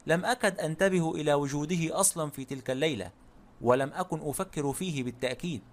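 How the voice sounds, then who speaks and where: A man reading the lines of a blunt, sharp-tongued ailing noblewoman in an audiobook. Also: on the high side, quick pace, close to an everyday voice.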